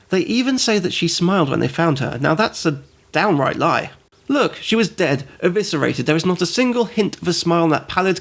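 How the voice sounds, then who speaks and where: A man narrates a comedic game review in a sarcastic, rambling way. His voice is a touch high and has a gravelly edge. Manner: sarcastic, goes off on tangents. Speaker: host and reviewer.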